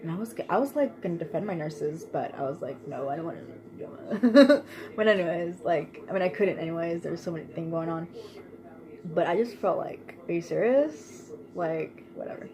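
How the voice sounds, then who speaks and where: A woman's voice: lowish voice, a little fast, a crowd in the background, rough recording. Chatty young woman telling a story. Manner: chatty, laughing often, lots of fillers. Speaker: vlogger. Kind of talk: casual storytelling.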